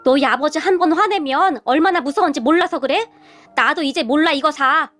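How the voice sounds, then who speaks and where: A woman's voice: high-pitched, fairly quick, fairly bright tone, faint music behind. Scolding older mother-in-law, woman reading. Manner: scolding, sighing.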